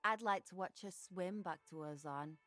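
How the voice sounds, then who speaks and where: A woman's voice: lowish voice, normal speed, music in the background, lightly acted. A woman voicing a sneering foul-mouthed street artist. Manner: insulting, sneering, sarcastic.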